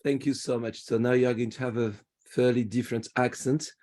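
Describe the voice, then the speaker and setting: A man's voice: medium pitch, fairly even intonation, a little fast, darkish tone. Parisian-accented man guiding a virtual tour. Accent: Parisian French. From France. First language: French. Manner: friendly, chatty, restarts phrases. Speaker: tour guide. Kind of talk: virtual museum tour talk. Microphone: video call.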